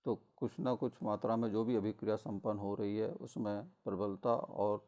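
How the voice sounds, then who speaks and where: A man's voice: fairly low pitch, steady tone, normal speed, a little mellow, dull audio. A middle-aged man giving a recorded chemistry lecture, explaining step by step with frequent fillers and self-corrections.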